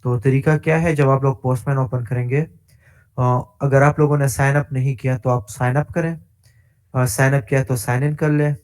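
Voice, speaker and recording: A man's voice: mid-range voice, little pitch movement, normal speed, darkish tone. Hesitant man giving a coding tutorial. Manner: patient step-by-step explaining, frequent hesitations; mixes English tech terms into speech. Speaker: coding instructor. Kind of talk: screen-share coding tutorial.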